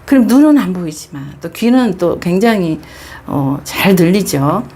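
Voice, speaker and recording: A woman's voice: fairly low pitch, lively intonation, normal speed, warm tone, husky. A middle-aged woman pastor preaching a Bible devotional, telling the story expressively and dropping into whispers for emphasis.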